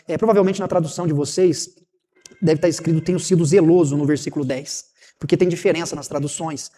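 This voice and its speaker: A Brazilian pastor preaches in a high, mellow voice, talking to his congregation and acting out the dialogue between God and Elijah. His voice rings with the long reverb of a church sanctuary. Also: steady tone, fast. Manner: conversational preaching, rhetorical questions, acts out God's and Elijah's words. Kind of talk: sermon.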